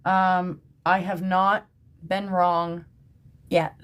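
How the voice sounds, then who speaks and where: A woman's voice: lowish voice, level tone, drawn-out words, clean tone, lo-fi sound. A woman talking casually to her livestream viewers from the shop where she works, chatty and emphatic, often checking in with "okay?" and "right?". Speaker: tarot reader and livestream host. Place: at work in a shop. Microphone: phone livestream.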